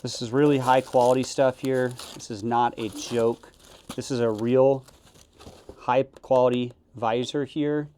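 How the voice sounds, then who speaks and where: A man giving a casual, halting unboxing review, correcting himself as he goes. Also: mid-range voice, steady tone, darkish tone. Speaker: product reviewer. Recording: noisy, with crinkling packaging and clicks.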